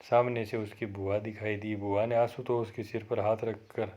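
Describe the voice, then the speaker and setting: A man, a college lecturer, reading a story aloud to his class and explaining it, in a steady read-aloud manner with occasional self-corrections. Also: on the low side, moderate pace.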